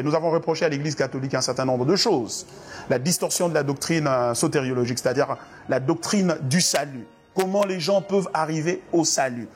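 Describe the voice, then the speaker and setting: A man from the Congo, a pastor, answering interview questions about church doctrine in an earnest, preacherly way, with frequent hesitations and repeated words. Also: a little high. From Democratic Republic of the Congo.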